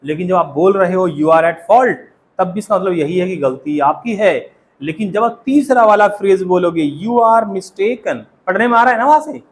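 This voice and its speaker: A fairly high-pitched man with an Indian accent teaches a classroom of students in a lively way. He slows down to model each English phrase and quizzes the class often. A faint hum of room noise sits behind him. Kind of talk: classroom lesson.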